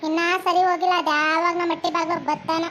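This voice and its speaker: A woman's voice: very high voice, flat delivery, fast, fairly bright tone, slight background noise. Woman playing a lamenting lonely village wife. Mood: mournful. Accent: North Karnataka Kannada. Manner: mournful, lamenting. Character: lonely village wife pining for her husband.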